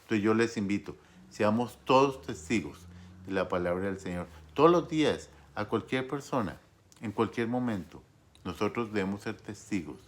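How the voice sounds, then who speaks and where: A man preaching a sermon in an earnest, exhorting way, with frequent pauses. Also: fairly low pitch. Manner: earnest, exhorting, pausing often.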